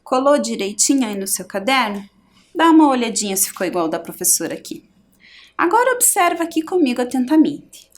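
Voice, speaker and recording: A middle-aged woman with a Brazilian Portuguese accent, teaching a primary school lesson and splitting words slowly and clearly into syllables. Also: a little high, big pitch swings. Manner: slow, clear syllable-by-syllable explanation.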